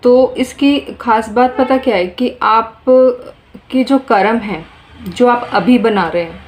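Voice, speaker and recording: A woman's voice: fairly high pitch, slow, a little hiss or hum. A woman giving a tarot reading to her viewers in a casual, earnest way, often repeating phrases and speaking to them directly. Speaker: tarot reader.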